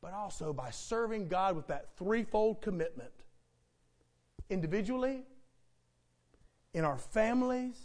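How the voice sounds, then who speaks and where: A male pastor preaches with rising, repeated emphasis. His voice sits very high and swings widely in pitch, and he takes his words slowly. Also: lively intonation, darkish tone. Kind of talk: sermon.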